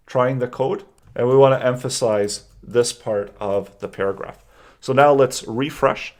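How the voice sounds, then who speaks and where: A man teaching a web coding tutorial, calmly and methodically explaining each step as he types code. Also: medium pitch. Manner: calm, methodical explaining while typing code. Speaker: coding instructor. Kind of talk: screen-recorded coding tutorial.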